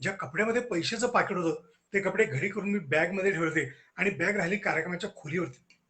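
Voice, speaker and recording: High, bright-voiced man telling funny stories. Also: fast talker, slight background noise. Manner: animated, acts out dialogue. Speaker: guest speaker at a lecture series. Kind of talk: humorous storytelling lecture.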